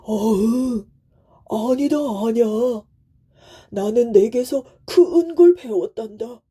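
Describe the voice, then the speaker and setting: A woman voicing a grieving old male tiger who speaks slowly, tearfully and kindly in a bedtime storybook. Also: on the high side, warm tone, breathy edge. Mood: gentle.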